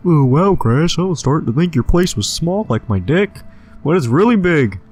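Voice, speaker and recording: A man doing a loud, crude pony flyer. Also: mid-range voice, slow pace, faint music behind, voice pushed up. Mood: brash. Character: brash, crude female pegasus pony flyer. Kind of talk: amateur fanfic reading with voices.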